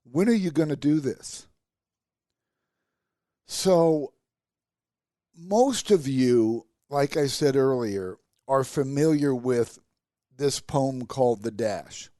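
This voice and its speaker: Speaking slowly with long pauses, a man hosting a motivational podcast uses a medium-pitched, dark voice with lively intonation. He sounds nasal from a blocked sinus, yet his delivery is emphatic, repetitive and rallying, recorded studio-clean without echo.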